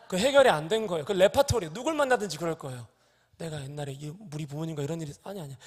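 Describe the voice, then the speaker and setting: A middle-aged male pastor preaching a sermon, telling personal stories, acting out dialogue and building to emphatic exhortation. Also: sits high. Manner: storytelling, quoting dialogue, rising to emphatic exhortation. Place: church sanctuary. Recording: long hall reverb.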